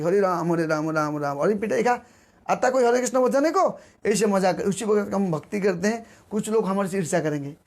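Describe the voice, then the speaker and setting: A man with a high voice preaches a devotional storytelling sermon. He acts out the voices in his stories, swinging his pitch and pace for each one. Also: a little mellow.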